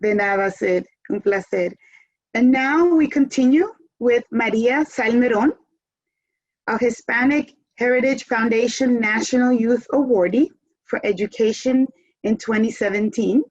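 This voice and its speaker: A woman's voice: on the high side, measured pace, a little mellow, no room sound, muffled recording. A woman moderating a panel, thanking a speaker and introducing the next one, with Spanish phrases mixed into her talk.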